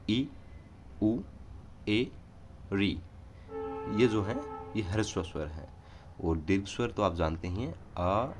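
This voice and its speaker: Low-voiced guy teaching grammar online, patient, lots of "uh" pauses, faint hum behind. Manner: explains patiently, pauses on filler sounds. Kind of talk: casual online grammar lesson. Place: indoors near a railway line.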